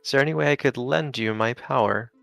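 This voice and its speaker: A man voicing an earnest male magic user in a tabletop game, measured and slightly formal. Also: mid-range voice, vocal fry, fairly bright tone, no echo, soft background music. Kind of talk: in-character tabletop role-play.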